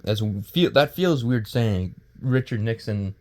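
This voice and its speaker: Unscripted and loose, a man's commentary as a video creator keeps stalling as he stumbles and restarts his sentences. He speaks in a lowish, expressive voice.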